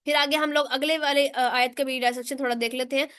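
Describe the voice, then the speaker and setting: A woman's voice: high-pitched, steady tone, quick pace, fairly bright tone, clean tone, no echo, studio quality. A woman teaching a recitation lesson online in speech, explaining step by step and answering her own questions.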